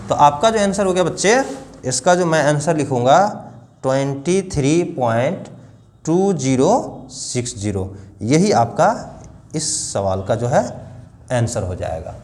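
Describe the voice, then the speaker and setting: A man's voice: mid-range voice, lively intonation, unhurried, a little mellow. A man teaching a math lesson to children, explaining each step and often asking the class questions.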